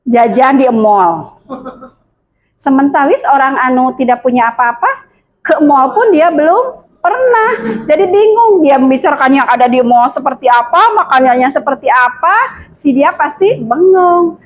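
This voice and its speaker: A woman's voice: high-pitched, moderate pace, low-quality recording. A woman with a Sundanese accent giving a lecture to a class of mothers, often asking them questions. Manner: lively, addresses the class with frequent questions. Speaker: teacher at a women's school.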